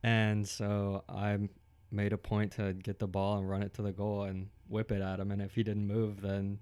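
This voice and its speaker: A young man in casual chat, telling a story in a relaxed, rambling way with lots of fillers. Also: lowish voice, moderate pace, smooth.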